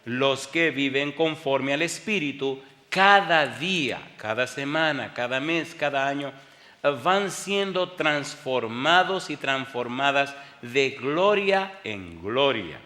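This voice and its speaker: Booming preacher man in a reverberant hall. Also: lively intonation, slow pace. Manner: rhetorical call-and-response questions; swings between booming emphasis and hushed storytelling. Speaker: pastor. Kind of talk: preaching a sermon. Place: church sanctuary during a televised service.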